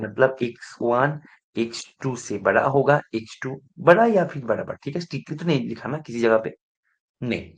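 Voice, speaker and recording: A man teaching a live online math revision class, mixing in English terms and checking again and again that everyone follows. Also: medium pitch. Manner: keeps checking students understand, asks the class repeatedly.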